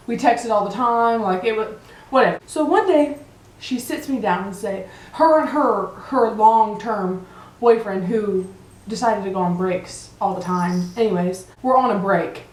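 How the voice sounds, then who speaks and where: A young woman vlogger telling high school drama in a chatty, dramatic, sarcastic way while eating. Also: a little mellow, echoey room, poor audio. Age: young adult. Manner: chatty, dramatic, holds grudges, sarcastic asides. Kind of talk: casual storytime while eating. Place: car, then indoors at a table.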